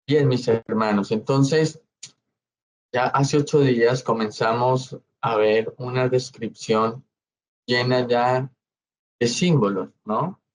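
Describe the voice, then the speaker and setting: A man preaching a slow, measured Bible study sermon as pastor, often checking in with his congregation. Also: medium pitch, steady tone, slight background noise, rough recording.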